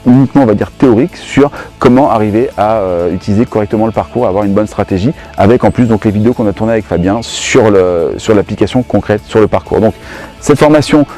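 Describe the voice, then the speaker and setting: A man's voice: on the low side, fast, few pauses, mellow, soft background music. A man hosting a golf lesson, talking in a casual, hesitant, explanatory way. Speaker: golf course host. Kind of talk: casual instructional chat.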